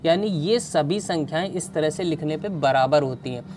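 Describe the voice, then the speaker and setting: A woman's voice: low-pitched, normal speed, darkish tone, a little hiss or hum. A woman teaching an online math class, explaining step by step and asking questions to the students.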